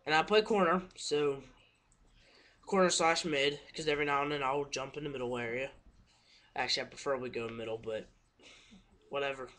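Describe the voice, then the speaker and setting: A man's voice: medium pitch, fairly even intonation, moderate pace, long pauses, bright, forceful tone. A teenage boy talking casually into his webcam at home, rambling, correcting himself and apologizing, a bit out of breath. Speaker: paintball vlogger. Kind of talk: casual webcam tips talk.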